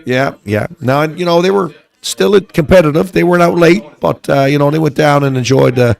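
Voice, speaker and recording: A man commentating a curling match, chatting in a relaxed way with many fillers. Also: fairly high pitch, normal speed, creaky. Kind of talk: sports commentary.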